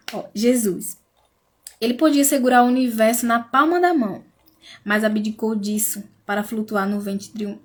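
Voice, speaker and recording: A woman hosting a casual devotional live stream, talking intimately with soft asides and fillers. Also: medium pitch. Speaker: live-stream host sharing a devotional book.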